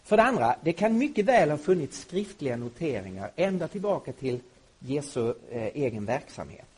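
A middle-aged man gives a spoken lecture to a group of listeners. His voice is a little husky and sits fairly high for a man. He talks with lively, swinging intonation and drives his points home emphatically. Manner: emphatic, rising to loud indignation. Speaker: Bible teacher. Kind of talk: lecture to a live audience.

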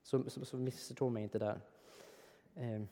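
A man's voice: mid-range voice, steady tone, dark tone, big-room sound. A man preaching a sermon, earnest and exhorting, building his points through repeated phrases.

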